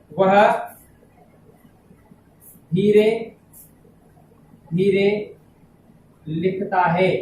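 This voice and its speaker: A man teaching a classroom lesson, speaking slowly and repeating words and phrases so students can write them down. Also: high voice, echoey room, far from the mic, a little hiss or hum, rough recording. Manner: keeps saying "ab dhyan dena" to draw attention. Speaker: Hindi grammar teacher.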